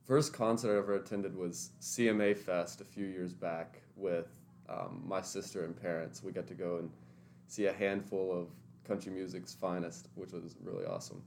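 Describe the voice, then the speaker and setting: A man's voice: sits low, normal speed, a little mellow, a little hiss or hum. A young man in his twenties from Tennessee, answering interview questions in an earnest, thoughtful way with a few restarts. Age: 20s. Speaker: interview guest, teaching intern.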